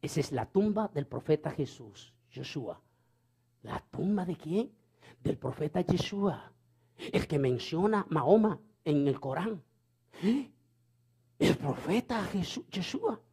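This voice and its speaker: A man's voice: fairly high pitch, animated, takes it slowly, dark tone, breathy edge. A man preaching a storytelling sermon, fervent and repeating phrases for emphasis.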